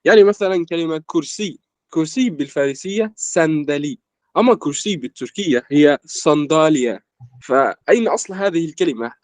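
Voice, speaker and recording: A young man from Egypt, a language student in an interview, explaining at a measured pace with lots of filler words. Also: a little high, lively intonation, darkish tone, no room sound. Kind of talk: casual conversation in formal Arabic.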